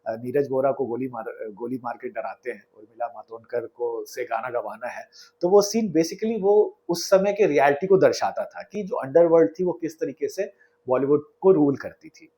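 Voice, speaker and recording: A man's voice: medium pitch, warm tone. A man telling behind-the-scenes film stories in a chatty, conversational way, retelling anecdotes with quoted dialogue and occasional hesitations. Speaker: storyteller host. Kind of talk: conversational storytelling.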